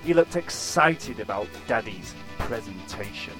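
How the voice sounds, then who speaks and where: Deadpan man narrating an absurd story. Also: on the low side, measured pace, faint music behind. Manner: deadpan and crude.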